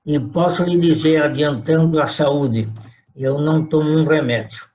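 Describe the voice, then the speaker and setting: A man in his eighties from São Paulo, with a Paulistano accent, recalling his family history slowly and deliberately in an interview. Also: on the high side, darkish tone, muffled recording. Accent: Paulistano Brazilian Portuguese. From São Paulo, Brazil. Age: 80s. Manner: slow, deliberate recollection. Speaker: retired pastor.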